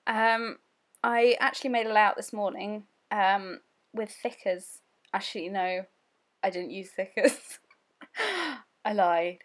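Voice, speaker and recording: A woman's voice: medium pitch, takes it slowly, pauses often. A young woman giving a casual, rambling voice-over, giggly and full of fillers. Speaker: scrapbooking vlogger.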